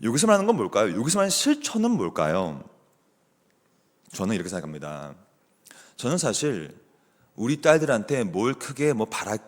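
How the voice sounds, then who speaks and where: A middle-aged man, a theology professor, preaching a sermon as a guest with animated storytelling, chatting with the congregation. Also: fairly high pitch. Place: church sanctuary. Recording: long church hall reverb.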